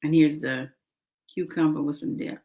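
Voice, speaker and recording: A woman's voice: low-pitched, fairly even intonation, normal speed, warm tone. A woman vlogging casually, chatting with many fillers while she eats a snack. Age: adult, mother of a son. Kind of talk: casual eating and talking vlog.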